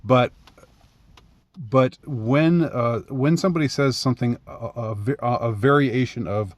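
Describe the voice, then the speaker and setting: A man's voice: medium pitch, unhurried, no echo. A man talking in a casual monologue, rambling and hesitant, with many fillers and restarts and frequent chuckles. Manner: chuckles often. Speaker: commentator.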